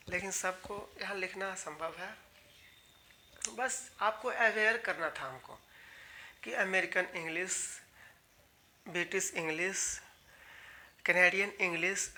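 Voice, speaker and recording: A man's voice: high-pitched, bright, forceful tone. A man from India teaching English grammar in an online class, explaining patiently and talking straight to his students, often repeating key words.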